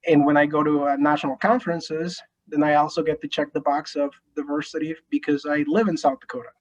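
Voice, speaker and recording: A man's voice: a little high, flat delivery, fairly quick, lo-fi sound. A man in his thirties, a native Spanish speaker from Mexico with a Mexican Spanish accent, introducing himself in a friendly way as a panelist, with frequent restarts. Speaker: attorney, panelist.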